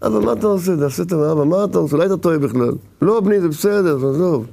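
A man's voice: a little high, expressive, vocal fry, dark tone, voice pushed down. Frightened young son, pleading and bewildered, as a male teacher acts him out.

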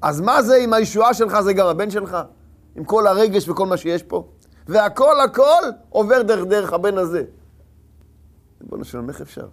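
A man delivers a Torah lesson in a high, gravelly voice. He tells the story through rhetorical questions and returns to the same phrases again and again. His delivery is that of a teacher working through a sermon. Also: big pitch swings.

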